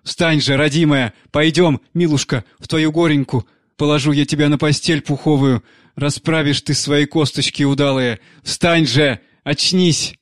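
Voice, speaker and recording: A man's voice: fairly high pitch, fairly even intonation, a little slow, no echo, voice pushed up, natural voice. A crazed old nanny, murderous and grieving, wails and rants in a raised, frantic voice, as a male narrator puts her on. The recording is dry and close, with no room sound. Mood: frantic pleading. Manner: raised, frantic, wailing pleas.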